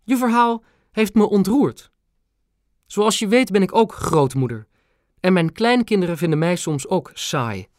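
A man's voice: high voice, lively intonation, a little slow, no echo, clean studio sound, pitched above the performer's own voice. A man voicing a stately elderly queen and grandmother, with a clipped, staccato way of speaking. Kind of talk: audiobook character voice.

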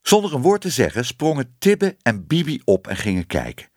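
Man, storybook narration, very lively pitch, dry close recording. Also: moderate pace, dry recording. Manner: expressive reading with many voiced figures. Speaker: audiobook narrator.

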